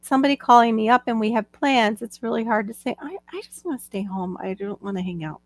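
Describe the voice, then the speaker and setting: Middle-aged woman, livestream host, chatty, gravelly, dry close mic. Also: a little high, quick pace, no echo. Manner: chatty, laughs often. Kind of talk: casual chat. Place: home livestream. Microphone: video call.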